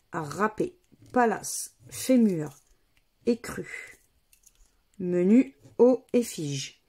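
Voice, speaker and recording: As she plays scratch games, a woman vlogger chats informally, methodically spelling out the letters and numbers one after another. She has a mid-range voice with a dark tone.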